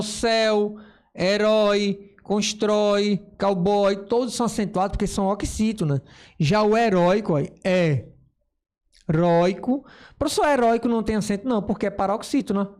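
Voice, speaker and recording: A man's voice: sits high, darkish tone. A male teacher giving a grammar lesson, explaining step by step and voicing imagined student questions.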